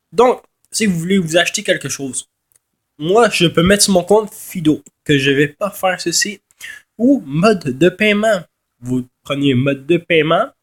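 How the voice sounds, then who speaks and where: A man with a Québécois accent and a nasal voice, congested from a cold, giving a casual, halting game tutorial in which he often repeats and corrects himself. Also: high voice. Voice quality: nasal from a blocked nose. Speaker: gaming video host.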